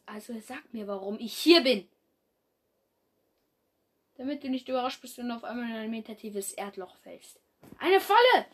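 A woman's voice: a little high, husky. A young woman reading her own fan story aloud in a casual way, with slips and restarts as she goes.

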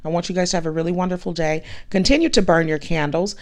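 A woman's voice: on the low side, fairly even intonation, quick pace, a little mellow. A woman podcast host giving a blunt, emphatic motivational monologue, repeating her points and swearing casually.

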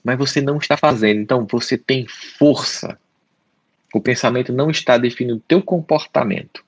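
A man's voice: medium pitch, brisk, no echo. A man with a Brazilian Portuguese accent giving an explanatory solo talk as a podcast host, repeating his key points and speaking straight to the listener.

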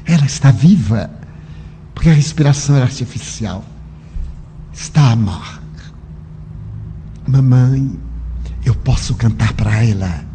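A man's voice: medium pitch, lively intonation, a little slow, long pauses, warm tone, long reverb tail, a little hiss or hum, voice pushed down, natural voice. A man voicing a stubborn five-year-old boy who pleads and insists through tears. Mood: insistent.

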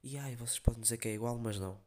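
A man's voice: mid-range voice, racing, heavy background noise. A young man with a European Portuguese accent, rambling in slangy casual chat as a podcast host. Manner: slangy, rambling storytelling with many fillers.

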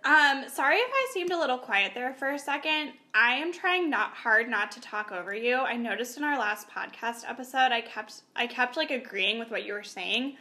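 A woman's voice: fairly high pitch, expressive, moderate pace, hardly any pauses, sharp tone. A woman co-hosting a podcast, upbeat and agreeable in casual lunchtime chat. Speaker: podcast co-host.

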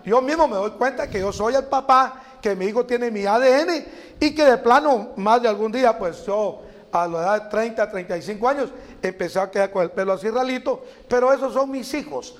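High-voiced preacher man. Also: a little fast. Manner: animated, acts out quotes, laughs at his own stories. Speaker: preacher guest. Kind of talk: storytelling sermon chat.

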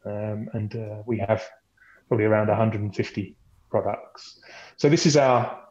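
This man's voice is fairly low in pitch, a little mellow and at a moderate pace as he guests on a podcast for his company. He explains the business in a conversational presentation style, repeating words often, and the boxy, echoey room leaves the sound dull and lo-fi.

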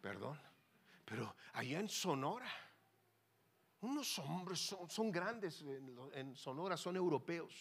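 Animated Mexican preacher, lively bright voice. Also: male voice, fairly high pitch, slow pace, a little hiss or hum. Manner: animated, swings from soft to loud, acts out voices. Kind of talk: lively sermon.

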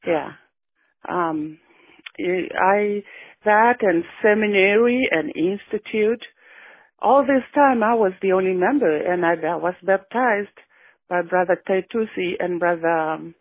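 A woman in her sixties from Fiji, reminiscing in a relaxed radio interview, often adding yeah as she goes. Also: mid-range voice, slow, slightly rough, no room sound. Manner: warm, reflective storytelling with frequent yeahs. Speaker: guest. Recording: dry phone-like radio line.

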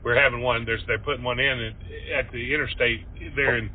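A man's voice: medium pitch, fairly even intonation, a little fast. Folksy Southern hillbilly podcast man, dull lo-fi sound. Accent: Southern US, Appalachian. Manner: folksy, colloquial. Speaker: podcast host. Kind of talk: folksy comedy podcast chat. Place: car on the road.

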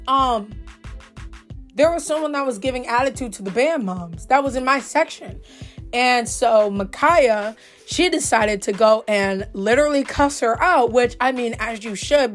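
A young woman telling a casual, profane and gossipy story in a vlog about her color guard trip. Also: a little high. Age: young adult. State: voice recovering from being lost. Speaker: color guard senior vlogging.

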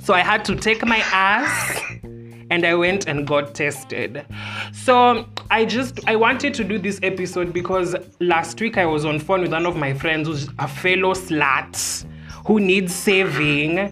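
Sassy, low-voiced Kenyan woman hosting, over music. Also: a little slow, a bit bright. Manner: brash, bantering, swearing freely. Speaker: podcast host. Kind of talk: casual podcast chat. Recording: music behind the voice.

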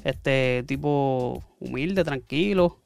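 A man's voice: medium pitch, very slow, vocal fry, clean tone, no echo. A man, a guest telling his story in a rambling, casual way and often correcting himself. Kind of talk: casual interview chat.

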